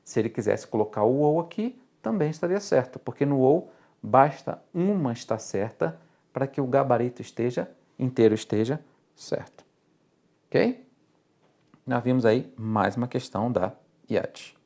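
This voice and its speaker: A Brazilian man teaches logic for exam prep in a low, dark voice. He walks through each step and keeps checking that his students follow. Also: expressive, normal speed. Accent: Brazilian Portuguese. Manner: explains step by step, often checks in with "ok?" and "tá?".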